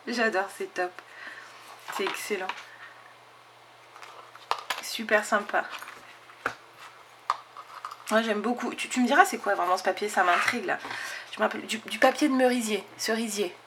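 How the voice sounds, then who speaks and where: With a medium-pitched voice, a somewhat slow delivery, and frequent pauses, a woman talks over a noisy background. As host of a scrapbooking channel, she enthusiastically chats through a show-and-tell of craft mail for her viewers, using many fillers and "hop".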